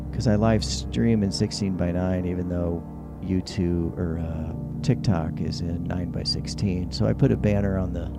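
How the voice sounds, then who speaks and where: Low, creaky man with whistling s sounds. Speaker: host of a live-streamed call-in show. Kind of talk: casual late-night monologue. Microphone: close handheld or stand microphone. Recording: music behind the voice. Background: background music.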